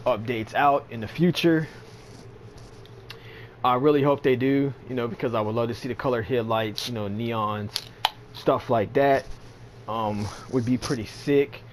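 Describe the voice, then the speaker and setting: Give me a drowsy man chatting loosely about a game update, with faint noise in the background. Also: medium pitch. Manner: rambling, loose, heavy on fillers and slang. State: sleepy, yawning. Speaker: gaming channel host. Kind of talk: casual game commentary.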